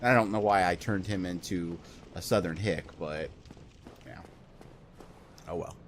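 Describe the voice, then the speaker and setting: A man's voice: sits low, unhurried. Rambling, joking man with game noise behind. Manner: rambling, joking, swears freely. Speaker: let's play host. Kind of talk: casual gameplay commentary.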